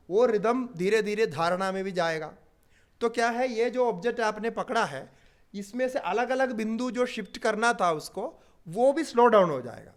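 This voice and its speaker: An older man teaching yoga philosophy, explaining patiently with everyday examples and pausing on drawn-out fillers. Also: sits high. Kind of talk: spiritual teaching talk.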